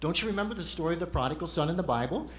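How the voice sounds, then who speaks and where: Male ventriloquist straight man, slightly high voice, patient questioner, conversational stage comedy, some background noise. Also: expressive, very fast, fairly bright tone.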